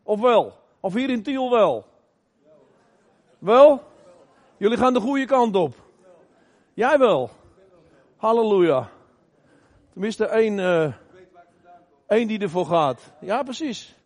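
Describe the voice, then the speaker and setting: A middle-aged man preaching an emphatic sermon in a church, asking the congregation questions and sometimes shouting. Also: sits high, sing-song, slow, long pauses. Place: church hall. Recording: long reverb of a church hall.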